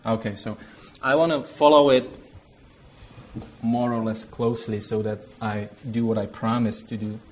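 Speaking at a normal speed with fairly even intonation, this mid-range male voice comes over slight background noise. He is a theology lecturer from the Czech Republic with a Czech accent, opening a workshop in an informal way that includes a prayer. He hesitates often, fills pauses, and downplays himself.

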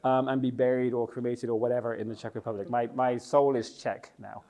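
A middle-aged English church leader who also does youth work talks briskly, his medium-pitched voice level and mellow. He teaches with a conversational, humorous touch and asks the audience questions along the way.

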